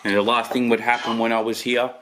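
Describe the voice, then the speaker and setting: The noisy, clicking audio of a handheld camera picks up a man in his thirties hunting ghosts in an empty, rundown house. Speaking quickly at medium pitch with little pitch movement, he narrates on the spot and calls out to the spirits.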